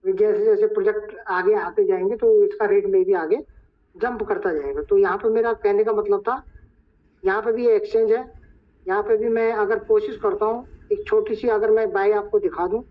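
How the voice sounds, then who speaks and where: Hoarse male trainer, high voice, walks viewers through a screen step by step; dull lo-fi sound. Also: fairly even intonation, moderate pace. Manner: talks viewers through each step, repeating "look". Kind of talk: screen-share tutorial. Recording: dull lo-fi recording.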